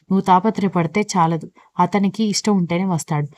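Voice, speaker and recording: A doubting, matter-of-fact young friend, as a woman narrator reads her. Lowish voice, dry and slightly dull in tone. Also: fairly even intonation, a little fast, no room sound, natural voice.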